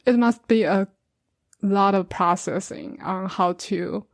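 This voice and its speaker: A woman's voice: mid-range voice, slow, vocal fry, no room sound, clean studio sound. A woman whose first language is Chinese, hosting a podcast and asking curious questions in English. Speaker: podcast host. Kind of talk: casual interview chat.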